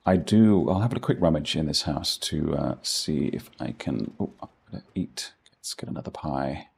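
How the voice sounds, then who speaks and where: A middle-aged Englishman with a posh accent and an extremely low, slightly rough voice with vocal fry chats casually with viewers while gaming. He's expressive and moderately paced, rambling along with dry, self-deprecating humour.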